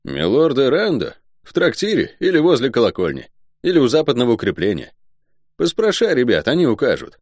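A man's voice: medium pitch, huge pitch swings, fairly quick, darkish tone, no room sound, studio quality, pitched above the performer's own voice. A man voicing a brash, teasing male archer standing guard. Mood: helpful.

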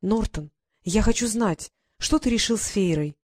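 A woman's voice: medium pitch, normal speed, a little mellow, slightly rough, no room sound, clean studio sound, lightly acted. A woman voicing a devoted, bloodthirsty female servant who talks insistently and with heat. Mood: insistent, hateful. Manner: insistent, heated.

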